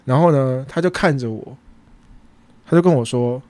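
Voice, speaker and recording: A man with a Taiwanese Mandarin accent, hosting a podcast and casually retelling a story, acting out bits of dialogue with sudden jumps in pitch. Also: normal speed, warm tone, no echo. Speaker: podcast host and food truck owner.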